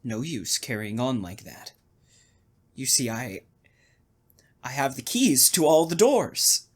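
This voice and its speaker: In a radio-thriller style, a man plays a menacing, unhinged husband fixated on his dead sister, speaking deliberately and domineeringly. His mid-range voice swings widely in pitch, and the mood is insistent and menacing.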